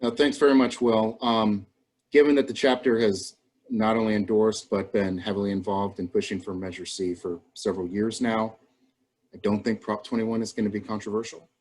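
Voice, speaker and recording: A man's voice: lowish voice, fairly even intonation, moderate pace, darkish tone. A man moderating an online endorsement forum on a video call, polite and procedural.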